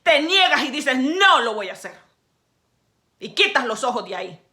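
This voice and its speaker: Bright-voiced woman preaching a forceful sermon. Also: big pitch swings, moderate pace. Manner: emphatic, exhorting the listener directly; swings between soft, low stretches and loud, raised passages.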